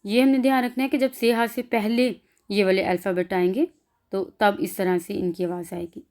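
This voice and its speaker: A woman's voice: medium pitch, fairly even intonation, moderate pace, a little mellow. A woman with a Pakistani accent teaching a pronunciation lesson, saying example sounds one by one and explaining them in between. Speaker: language teacher.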